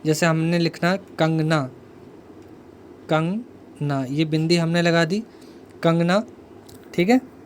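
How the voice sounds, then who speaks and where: A man's voice: fairly high pitch, steady tone, normal speed, a little hiss or hum. A man teaching an exam-prep grammar lesson, explaining patiently, repeating key terms and putting questions to the viewer.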